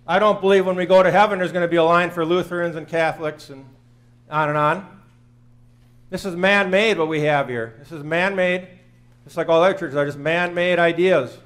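A man's voice: on the high side, fairly even intonation, a little fast, a bit bright. A man in his fifties preaching a sermon in a small church, earnest and plain-spoken, repeating phrases for emphasis. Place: small church sanctuary, in front of the altar.

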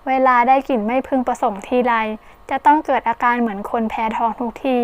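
High-voiced woman narrating a novel. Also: fast. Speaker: audiobook narrator. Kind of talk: scripted story narration.

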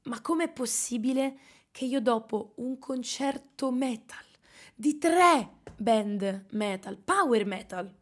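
A Milanese woman chatting casually on a live stream, animated and slightly hoarse, with quick asides to her chat. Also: on the high side. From Italy. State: slightly hoarse after concerts.

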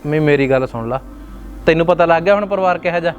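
A man's voice: fairly high pitch, lo-fi sound, faint music behind, close to an everyday voice. A man playing an angry young husband who argues hotly with his mother. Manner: heated, rapid, indignant. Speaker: son arguing with his mother. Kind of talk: web series drama acting.

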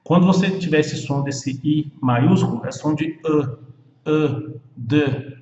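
A man from Brazil teaching English pronunciation, slowly repeating each word many times. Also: fairly high pitch, warm tone, slight background noise. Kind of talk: pronunciation lesson. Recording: dull echoey room, long reverb.

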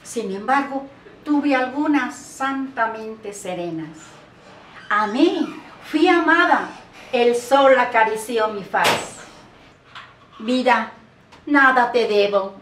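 A woman's voice: fairly high pitch, slow pace, pauses often, fairly bright tone. A woman in her seventies declaiming poetry in a grand, solemn, theatrical manner with emphatic phrasing. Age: 70s. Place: small bare indoor room by a door. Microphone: camera mic a few steps away. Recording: roomy echo, distant mic, faint noise.

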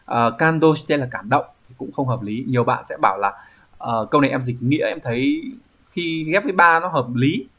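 Thầy giáo nam giảng bài đều đều, tiếng hơi đục. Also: male voice, mid-range voice, lively intonation, brisk, a bit bright, dull audio. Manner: explanatory, asks rhetorical checks like "right?". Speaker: Japanese language teacher. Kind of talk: explaining exam answers.

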